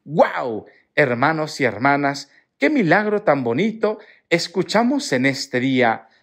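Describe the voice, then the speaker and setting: Priest from mexico reading scripture then preaching, slow and drawn out, voice swings up and down a lot, acts out the people in the story. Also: male voice, on the high side, sing-song, fairly bright tone. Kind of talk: Mass readings and homily.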